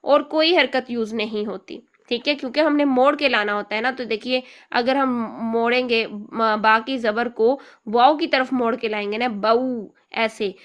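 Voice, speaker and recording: Woman teacher, slightly high pitch, patient, repeats each point, step-by-step lesson. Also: steady tone, normal speed, fairly bright tone. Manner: patient, repeats points with frequent check-ins. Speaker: Quran recitation teacher.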